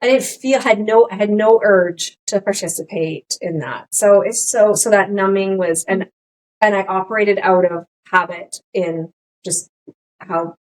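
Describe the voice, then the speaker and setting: A middle-aged woman co-hosting a podcast, talking candidly in casual chat, rambling with many restarts and animated quotes of her own thoughts. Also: medium pitch, measured pace, poor audio. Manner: rambling, restarts often, animated quoting of herself. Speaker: podcast co-host.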